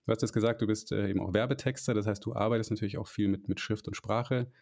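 A man hosting a podcast interview, relaxed and hesitant, often pausing with fillers. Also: on the low side, gravelly. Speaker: podcast host.

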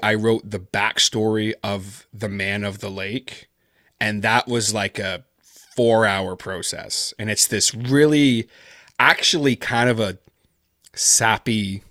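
A man's voice: fairly low pitch, bright, forceful tone, dry recording, studio quality. A man guest chatting casually in an interview, rambling with lots of fillers. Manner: rambling, heavy on fillers like "like" and "kinda". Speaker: podcast guest, horror story writer. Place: based in Canada.

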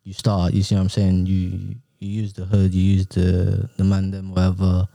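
A man's voice: low-pitched, completely flat delivery, moderate pace, creaky, warm tone, dry recording. A young man with a London urban roadman accent, hosting a casual chat full of street slang and tag questions. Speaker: podcast host.

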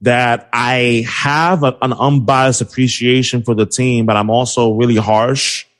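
A man's voice: mid-range voice, steady tone, a little slow. Rambling New guy talking sports. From New York City. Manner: rambling, many fillers, trash-talking. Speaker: podcast guest, sports broadcaster. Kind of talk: casual sports chat.

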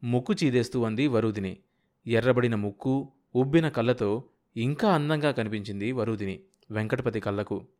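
A man narrating an audiobook in a steady storytelling voice. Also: medium pitch, moderate pace.

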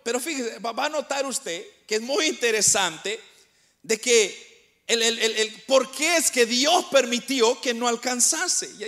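A man's voice: very high-pitched, sharp tone. A middle-aged male preacher delivering a sermon, speaking to the congregation as brothers with rhetorical questions and repeated words.

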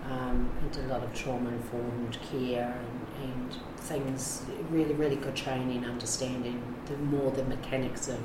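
Recorded in an echoey room with background noise, a middle-aged woman from New Zealand talks openly about addiction recovery during an interview, often using fillers and starting over. Her voice is extremely low and flat, at normal speed, with few pauses.

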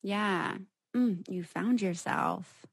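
A woman's voice: mid-range voice, extremely slow, gravelly, breathy edge. A woman in her twenties hosting a casual interview podcast, asking meandering questions and affirming her guest often. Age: 20s. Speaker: podcast host.

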